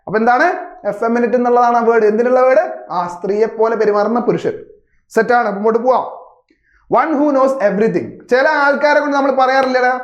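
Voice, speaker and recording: A young man teaching an exam vocabulary lesson, asking and answering his own questions and repeating key words. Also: very high voice. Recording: echoey room, slightly dull sound.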